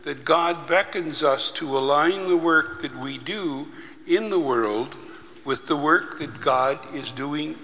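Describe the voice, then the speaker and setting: A man leading a solemn church blessing in measured, deliberate phrases, his voice ringing in a long cathedral echo. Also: on the high side, bright, forceful tone, a little hiss or hum. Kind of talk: solemn liturgical prayer. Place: large reverberant church.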